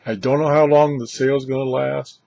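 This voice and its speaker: An older man hosts a loose, unscripted vlog reviewing shortwave radios, rambling as he chats from a small, cluttered radio room indoors. His mid-range voice stays steady and brisk, with vocal fry and a darkish tone.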